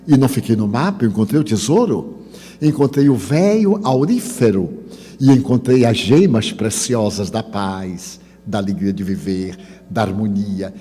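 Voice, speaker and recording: A man's voice: mid-range voice, slightly rough. An older man with a Bahian Brazilian accent, giving a spiritist lecture full of humorous anecdotes and acting out dialogue. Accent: Bahian Brazilian Portuguese. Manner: animated storytelling, acts out dialogue. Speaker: spiritist speaker. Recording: long hall reverb.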